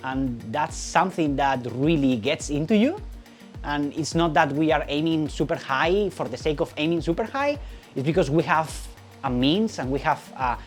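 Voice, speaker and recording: A woman's voice: low-pitched, expressive, normal speed, faint music behind. A woman talking earnestly in an interview as a team member, often restarting and repeating words. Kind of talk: interview talk.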